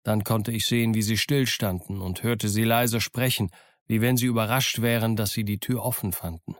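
A man narrating an audiobook in a steady, measured storytelling voice. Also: lowish voice, dry recording, studio quality. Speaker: audiobook reader. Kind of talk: scripted first-person narration.

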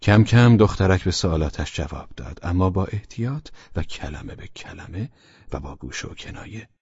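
A man narrating a novel as an audiobook in a measured, even manner, close to the mic. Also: deep voice, breathy edge, dry recording, highs cut off. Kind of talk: scripted literary narration.

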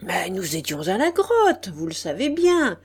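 A woman reading an audiobook voices a calm, unhurried gentleman who answers with mild surprise. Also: mid-range voice, breathy edge, heavily acted. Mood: placid. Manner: peaceable, mildly surprised.

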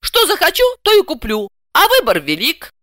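A woman voicing an excitable, bossy middle-aged housewife who talks in a shrill, indignant, fussy way. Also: moderate pace, dry recording, clean studio sound, heavily acted.

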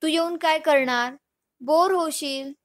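A playful young husband who teases his wife fondly, as a woman reader puts him on. The voice sits high and the lines come slowly, like a storybook read aloud. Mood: casual. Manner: teasing, fond. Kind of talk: storybook reading.

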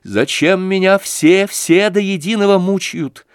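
A man's voice: sits high, unhurried, smooth, no echo, voice pushed up. A man voicing a proud young woman, indignant and close to hysteria, with passionate outbursts. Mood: hysterical.

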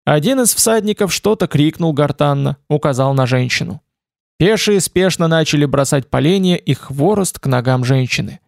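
Guy reading an audiobook, gravelly and kinda high, dry close sound. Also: lively intonation, moderate pace, no echo. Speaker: audiobook narrator. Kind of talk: scripted narration.

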